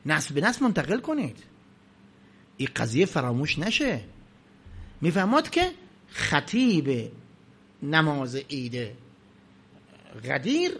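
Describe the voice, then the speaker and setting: Lively, animated male religious lecturer. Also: fairly high pitch, breathy edge. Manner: reads Arabic legal texts aloud, then explains in colloquial Persian; rhetorical questions answered himself. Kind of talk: seminary-style lecture.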